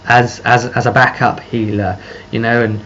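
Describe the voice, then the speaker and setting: This game master's voice is medium-pitched, level and fairly bright, moving at a moderate pace as he casually recounts a tabletop session. Unscripted, he rambles while piecing the story together, and faint noise comes through the dull lo-fi microphone.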